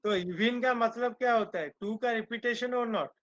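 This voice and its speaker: Male online lecturer. Slow, deliberate and stern with his class, on dull lo-fi call audio. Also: very high-pitched, fairly bright tone. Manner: slow and deliberate, switching between Hindi and English, scolding the students. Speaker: teacher.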